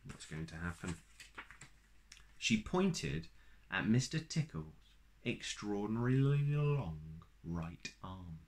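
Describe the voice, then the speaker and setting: A man reads a children's picture book aloud in a slow, playful storytime style, tossing little asides to his listeners. His voice sits low and he's very animated.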